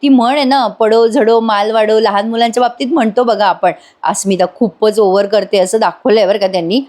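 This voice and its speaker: A woman's voice: mid-range voice, steady tone, fairly quick, a little mellow. A woman giving a chatty voice-over recap of a TV serial, talking straight to her viewers. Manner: chatty, addresses viewers directly. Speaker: TV serial reviewer.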